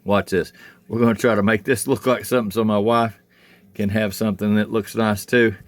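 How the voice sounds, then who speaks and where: A man's voice: fairly low pitch, little pitch movement, brisk, no echo. Folksy man chatting over his cooking. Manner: folksy, chatty, thinks aloud while working. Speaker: home cook and channel host. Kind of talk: casual cooking vlog. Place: outdoor cook shack. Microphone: handheld camera.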